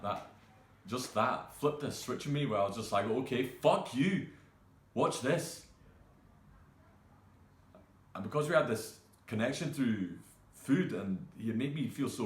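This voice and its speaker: An actor playing a grieving young male cook who talks in a halting, hesitant way full of fillers. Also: mid-range voice, roomy sound, close to an everyday voice. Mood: bitter. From Scotland. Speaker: actor performing a monologue. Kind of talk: self-tape monologue.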